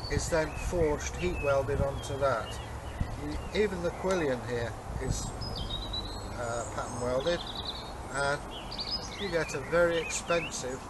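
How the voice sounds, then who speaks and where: An older man, explaining things in a casual show-and-tell manner. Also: on the high side. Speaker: co-host, Viking re-enactor. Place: outdoors in a leafy garden. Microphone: camera a few metres away. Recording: outdoor noise, birds and distant traffic.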